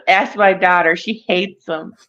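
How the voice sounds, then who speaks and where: A woman's voice: mid-range voice, fairly even intonation, takes it slowly, a bit bright, muffled recording. A woman chatting casually as a participant in a livestream. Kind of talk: casual chat.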